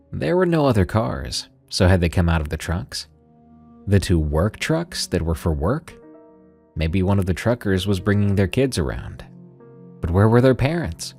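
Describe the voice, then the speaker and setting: A man with a low-pitched voice speaks as a paranormal radio host. His scripted delivery is measured and ominous, like someone telling scary stories, with music playing underneath. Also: a little mellow. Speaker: host of a paranormal story show. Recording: music behind the voice. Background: background music.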